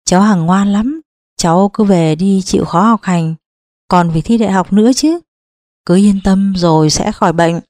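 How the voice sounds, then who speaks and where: A woman voicing a calm elderly village scholar, low and slow. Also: no room sound, studio quality, natural voice. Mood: gentle reassurance. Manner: slow, reassuring.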